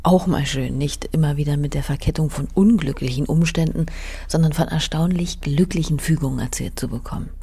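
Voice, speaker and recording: A woman with a breathy, husky voice hosting a portrait interview in polished, narrated phrases. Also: deep voice, fairly quick, mellow. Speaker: host, narrator.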